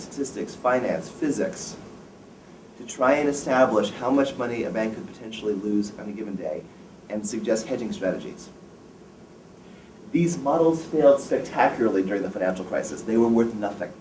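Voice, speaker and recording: A fifty-something wealth management firm president lectures students on careers, offering outspoken opinions and putting questions to the room. His voice is mid-range and dark. The recording is made from a distance in a reverberant lecture room, with slight noise.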